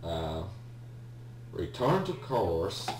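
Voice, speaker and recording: Slow and sing-song, with a darkish tone to his low voice, a man plays and hosts a video game with casual commentary. He hesitates, rambles and corrects himself mid-thought, and the echoey room and distant mic carry a faint hum.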